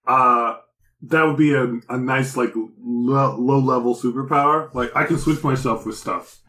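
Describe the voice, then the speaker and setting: Brief: male co-host, mid pitch, chatty rambling recaps, roomy echo. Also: unhurried. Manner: rambling, animated retelling of scenes. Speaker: podcast co-host. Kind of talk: casual chat about anime.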